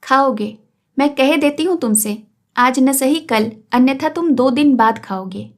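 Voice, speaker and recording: A woman's voice: animated, a little slow. Woman voicing Bijli, a mocking young woman. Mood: insistent. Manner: mocking, lilting, raised pitch. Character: sharp-tongued young woman, teasing then pleading.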